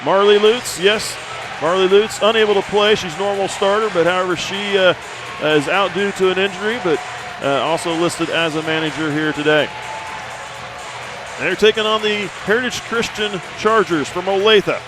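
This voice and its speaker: A man does live play-by-play sports commentary in a high voice. He is courtside in an indoor arena, with a busy crowd and music behind him. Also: steady tone, moderate pace, low-quality recording. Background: crowd, music, bouncing balls.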